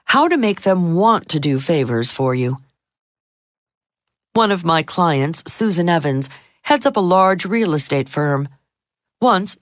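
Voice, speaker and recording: A woman narrating a self-help audiobook in a steady, measured reading voice. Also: fairly low pitch, no echo, clean studio sound. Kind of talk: scripted narration.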